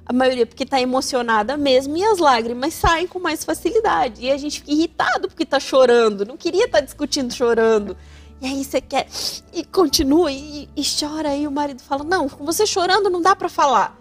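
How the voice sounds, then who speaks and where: A woman's voice: high-pitched, animated, fairly quick, soft background music. A woman with a Brazilian Portuguese accent hosting an advice talk show, speaking animatedly and acting out the voices she quotes. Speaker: radio host giving family advice.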